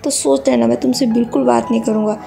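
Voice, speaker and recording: A woman's voice: on the high side, fairly even intonation, fast, gravelly, dark tone, faint music behind. Chang, a woman playing a hot-tempered young man. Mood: impatient. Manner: scolding and impatient. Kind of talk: reading a fan fiction story aloud.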